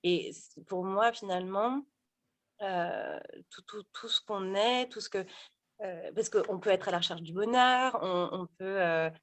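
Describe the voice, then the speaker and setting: A woman in her thirties who works as a sophrologist and stage actor speaks casually in an interview. Her mid-range voice moves at a measured pace, with many fillers and restarts along the way.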